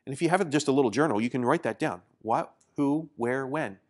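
A pastor in his forties who grew up in Indonesia teaches a sermon to camera on a small studio set, speaking fairly quickly in a mid-range voice. He is earnest and encouraging, and he often restarts his words.

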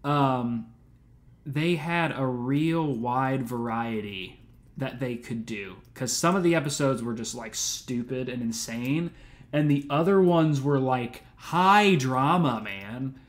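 A man's voice: mid-range voice, lively intonation, slow pace. Laid-back rambling male game streamer. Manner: rambling, laid-back, frequent "um" and slang like "dude" and "man". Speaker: let's play streamer. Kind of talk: casual gameplay commentary.

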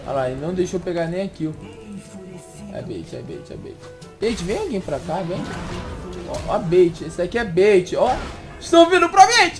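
An excitable young man calls out his gameplay as it happens. He drops into low mutters, then jumps up to yelling, with a high voice that swings widely. Faint music plays under him. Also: normal speed, pauses often. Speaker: gaming video host. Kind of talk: live gameplay commentary.

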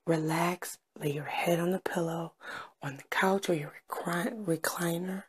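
A woman hosting an ASMR video speaks almost entirely in a soft whisper. Her delivery is unhurried and soothing, with a very breathy, airy tone sitting a little low. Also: fairly even intonation. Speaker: ASMR creator.

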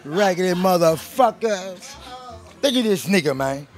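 Guy on the street cussing and taunting, sing-songy, high-pitched, faint music behind. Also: animated, measured pace. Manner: loud, profane, sing-song taunting. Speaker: passerby being interviewed. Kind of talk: street interview.

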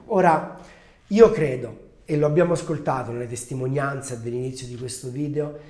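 A man hosting a livestream, talking earnestly and slowing down to stress his points. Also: mid-range voice, darkish tone. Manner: earnest, storytelling, slows down for emphasis. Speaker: host of a promotional livestream. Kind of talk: casual livestream talk with a Bible reading. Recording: roomy echo.

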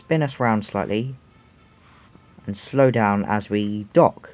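A man's voice: fairly low pitch, slow pace. A man giving rambling game walkthrough commentary with self-mocking asides. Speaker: game tutorial host. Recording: tinny phone-like audio.

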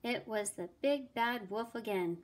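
A woman teacher reads a fairy tale aloud to children. She takes her time, with a slightly high voice and a deliberate, expressive storybook delivery.

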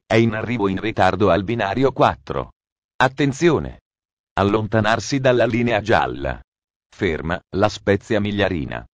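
Formal station announcer played by a man, lowish voice, measured and evenly spaced delivery, dry recording. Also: dry recording. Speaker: hobbyist recreating station announcements. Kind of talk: imitated train station announcement.

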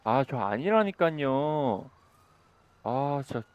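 A man's voice: medium pitch, sing-song, takes it slowly, clean tone, no echo, muffled recording. Chatty, sarcastic man doing game role-play. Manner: chatty, sarcastic, bursts into loud shouting.

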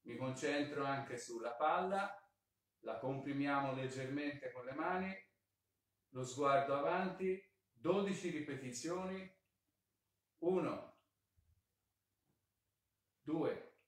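A man in his forties leading a home workout class as fitness instructor, counting reps slowly and giving short cues while he exercises. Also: mid-range voice. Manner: slow, measured counting with brief cues; exercising while talking, moving toward and away from camera. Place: home living room with exercise balls. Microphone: fixed camera mic across the room. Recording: very echoey room, voice from far off.

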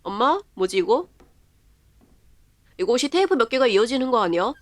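A woman live-streaming a horror game, chatting and reading the game's text aloud as she plays. She often breaks into quick strings of repeated exclamations. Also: on the high side, big pitch swings, dry recording. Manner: bursts of rapid repeated exclamations.

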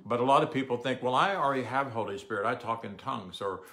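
An older man giving a relaxed, conversational sermon, often asking the audience questions. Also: medium pitch, quick pace. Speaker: pastor. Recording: echoey room.

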